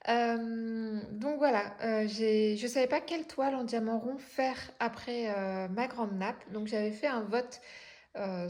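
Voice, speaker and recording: A woman's voice: on the high side, a little mellow. A woman from France hosting her craft channel, chatting casually at home while unboxing, with many hesitant fillers and self-corrections. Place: home indoors.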